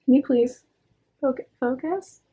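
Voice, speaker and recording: A young woman casually chatting about a book haul on her vlog, slangy and upbeat, with quick asides. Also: sits high, slightly rough, narrow, tinny audio. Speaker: book vlogger.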